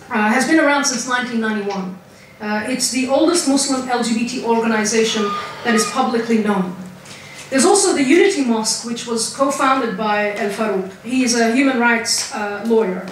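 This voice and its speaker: Female academic lecturer, casual and halting, off-mic in a boomy hall with faint hiss. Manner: conversational, hesitant with fillers. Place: lecture room. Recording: very echoey room, distant mic, faint hiss.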